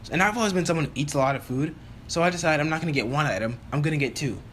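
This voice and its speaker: A man's voice: a little high, rapid-fire, a bit bright, a little hiss or hum. A young man narrating a casual story-time voice-over, chatty and exasperated, with lots of fillers. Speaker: YouTuber telling a story.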